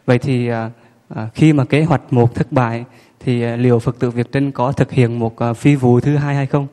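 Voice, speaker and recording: Flat-voiced male host in a hall. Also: mid-range voice, normal speed. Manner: hesitant, with frequent filler sounds. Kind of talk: moderating a talk. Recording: hall reverb, faint audience.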